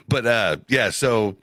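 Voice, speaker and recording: Laid-back podcast co-host, a man with a low voice, slight lisp, rambling delivery. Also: fairly bright tone, no echo. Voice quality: slight lisp from a dental retainer. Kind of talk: casual sports chat.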